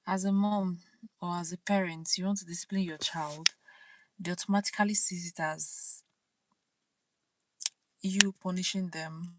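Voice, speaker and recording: A woman's voice: on the low side, fairly even intonation, unhurried, long pauses, heavy background noise. A woman hosting her own live stream, chatting casually and telling a story with occasional laughs about parenting. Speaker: channel host.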